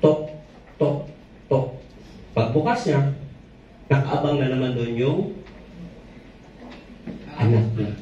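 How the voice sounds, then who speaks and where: A man's voice: medium pitch, takes it slowly, pauses often, mellow, slight background noise. A man telling a story to a live audience, playful and joking with his listeners between scenes. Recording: echoey, dull, from far off.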